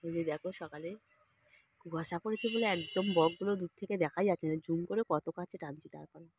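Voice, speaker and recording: A woman from West Bengal chatting to her viewers outdoors on a foggy morning, often dropping to a hushed voice. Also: lowish voice, fast talker, breathy edge. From West Bengal, India. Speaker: vlogger. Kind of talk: casual vlog narration to viewers.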